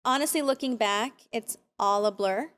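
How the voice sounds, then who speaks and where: A woman's voice: fairly high pitch, moderate pace, a bit bright. A woman in her thirties from Arizona, a podcast guest talking candidly and reflectively about her life and faith. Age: 30s. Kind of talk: casual conversation.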